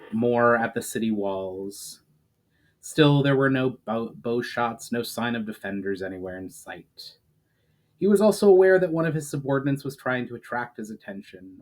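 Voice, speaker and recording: With a mid-range, darkish voice, a man presents and reads aloud his own fantasy writing as host of a story session. He begins with a relaxed introduction, then narrates the tale dramatically.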